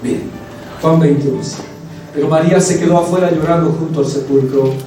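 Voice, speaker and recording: A man with a slightly high, mellow voice speaks a little fast in a fairly even tone, preaching an emphatic sermon and addressing the congregation as his brothers. He is in a church hall, and the distant mic picks up the hall's echo along with faint music.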